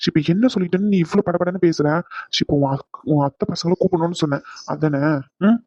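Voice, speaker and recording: In a cartoon, a man with a high-pitched, warm, brisk voice plays an irritated young husband who swings between exasperation and pleading, then snaps. The lo-fi recording sounds dull and has no echo.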